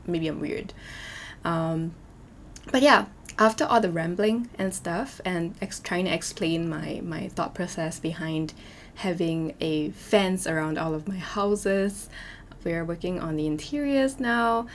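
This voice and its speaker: A young woman talks in a hoarse, slightly low voice, rambling casually through a voiceover with lots of "um" and "like" and restarts. Her relaxed home recording has a faint hiss of background noise beneath it. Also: a little slow. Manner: chatty, rambling, many fillers and restarts. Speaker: Sims speed-build YouTuber.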